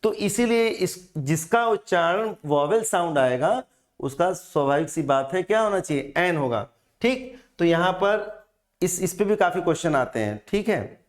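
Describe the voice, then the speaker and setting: Guy teaching grammar for exams, fairly high voice, slow and careful, asks then answers himself. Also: lively intonation. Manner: explains step by step, asking and answering his own questions; slow and deliberate, stretching example words. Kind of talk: exam-prep grammar lesson.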